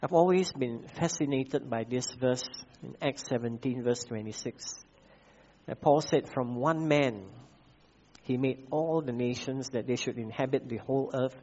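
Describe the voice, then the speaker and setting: A male pastor with a Malaysian English accent delivers a sermon at a measured pace, leaning on repeated key phrases and filling pauses with "uh." His voice sits at a middle pitch, and the recording sounds slightly dull and muffled. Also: warm tone.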